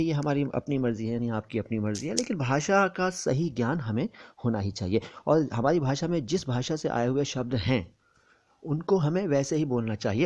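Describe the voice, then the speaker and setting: A man's voice: medium pitch, mellow. Man teaching careful pronunciation. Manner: measured, careful explanatory delivery. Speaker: language teacher. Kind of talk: pronunciation lesson. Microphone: bluetooth headset.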